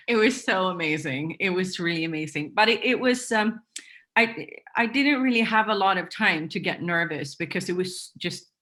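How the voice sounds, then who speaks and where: Speaking English as a second language, with Swedish as her first, this woman chats informally as an interview guest, full of fillers and restarts. She has a fairly low, bright voice with a forceful tone.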